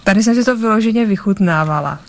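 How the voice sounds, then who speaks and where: A woman reading a story aloud, narrating with lively delivery and small slips. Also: medium pitch, a little hiss or hum. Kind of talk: audiobook-style story reading.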